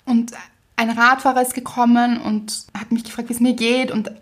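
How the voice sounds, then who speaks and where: A woman, co-hosting a podcast and telling a story in a casual, lively way, laughing often. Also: fairly high pitch, normal speed. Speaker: podcast co-host. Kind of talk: casual chat.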